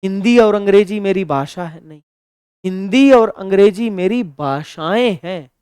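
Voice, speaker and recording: A man teaching a Hindi grammar lesson for exam preparation. He reads example sentences slowly, then corrects them emphatically. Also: high-pitched, darkish tone, clean tone, no echo, studio quality. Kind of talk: exam-prep grammar lecture.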